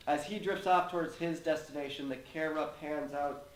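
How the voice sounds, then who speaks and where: Male player-narrator, mid-pitched, relaxed and joking; echoey room with faint noise. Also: fairly quick. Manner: narrates with fillers, jokey asides. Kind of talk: casual tabletop chat.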